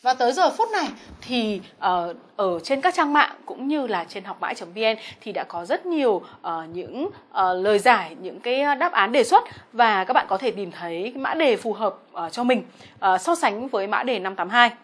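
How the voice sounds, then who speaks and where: A young adult woman walks her students through English exam answers, mixing Vietnamese with English words spoken in a Vietnamese accent. Her voice sits on the high side, with lively intonation and a moderate pace. She is patient and checks in with the class often.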